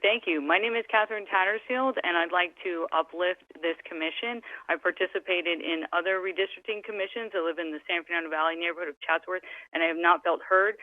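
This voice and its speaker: A woman's voice: on the low side, no room sound. Woman caller on a tinny speakerphone. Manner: earnest, conversational, some fillers. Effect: phone on speakerphone. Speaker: public comment caller. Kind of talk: public comment at a hearing. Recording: tinny dry phone line.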